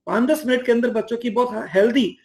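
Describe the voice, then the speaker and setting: A man explaining an online teaching platform in a lively conversational way, often acting out teachers and students. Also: very high-pitched, a little fast. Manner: enthusiastic, acts out teacher and student lines. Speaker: education platform mentor.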